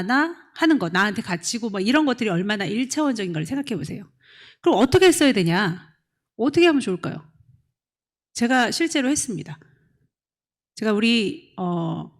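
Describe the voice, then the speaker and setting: A middle-aged woman pastor preaching to young adults, acting out quotes and calling on listeners by name. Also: on the high side. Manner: animated, acts out quotes, questions listeners by name. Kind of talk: lively sermon to a young adult congregation.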